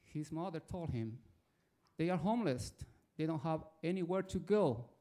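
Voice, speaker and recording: Speaking from the floor, an audience member, an Ecuadorian man in his forties, shares a prepared personal story and then poses his question. His accent is Ecuadorian Spanish, and his somewhat high, dark-toned voice is expressive at a moderate pace.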